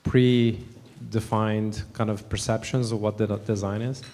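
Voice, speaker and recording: A man's voice: on the low side, little pitch movement, unhurried, dark tone, big-room sound. A man in a meeting discussion, speaking reflectively with many fillers.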